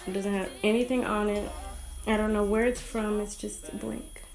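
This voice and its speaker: A woman's voice: medium pitch, fairly even intonation, moderate pace, darkish tone, soft background music. A young woman chatting through a makeup tutorial at home, rambling and poking fun at herself. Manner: rambling, self-mocking, giggly asides. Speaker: beauty vlogger. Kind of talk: casual makeup tutorial chat.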